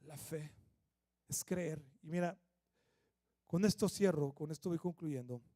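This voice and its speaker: A middle-aged man preaching a sermon at a church service, conversational and lively, acting out little quotes. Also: a little high, a little slow, no echo, studio quality. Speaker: pastor.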